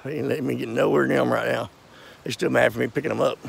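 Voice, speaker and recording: A man, throat rough from pollen, coaxing his goats outdoors in casual baby talk. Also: mid-range voice, steady tone, fast talker. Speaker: goat keeper. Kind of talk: casual vlog. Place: outdoors in a front yard.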